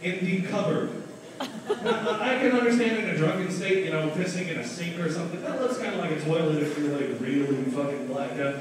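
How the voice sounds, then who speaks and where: Young guy doing his first stand-up, high-ish voice, lots of ums, echoey bar, mic way off. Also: expressive, fairly quick, recorded from a distance, crowd noise. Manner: hesitant, lots of ums, acts out drunk friends in loud voices. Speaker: stand-up comedian. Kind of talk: stand-up comedy set. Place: small bar stage.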